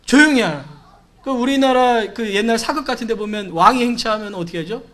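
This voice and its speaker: A man's voice: very high voice, quick pace, a bit bright. A man preaching a sermon in church, talking to the congregation in a conversational way and acting out the cries and dialogue of the people in his story. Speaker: pastor. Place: church sanctuary.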